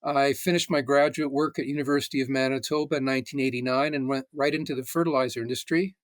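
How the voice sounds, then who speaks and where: A Canadian man in his sixties, a retired agronomist, explaining things in a measured way as a podcast guest. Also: mid-range voice, steady tone, dry recording. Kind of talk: casual interview.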